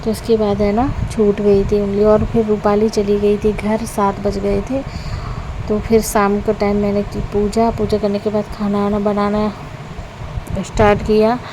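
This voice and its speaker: A woman's voice: mid-range voice, monotone, a little slow, noisy background. A woman in her thirties narrating a casual vlog voice-over, rambling and chatty with many restarts. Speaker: vlogger.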